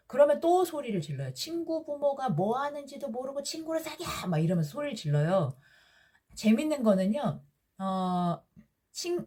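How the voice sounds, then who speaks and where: A woman's voice: mid-range voice, breathy edge. A middle-aged woman hosting her own channel, telling a personal story in a casual monologue and acting out the lines of the people in it. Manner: animated, acts out quoted lines in shifting voices. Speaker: channel host.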